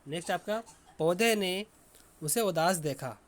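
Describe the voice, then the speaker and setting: Man dictating a slow lesson. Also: high-pitched, expressive. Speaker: teacher. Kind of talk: online lesson for children.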